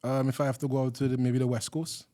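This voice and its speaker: A man's voice: medium pitch, flat delivery, quick pace, dark tone. A man with a Trinidadian accent chatting casually as a podcast guest, with laid-back slang and repeated phrases. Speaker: podcast guest working in finance. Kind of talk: casual chat.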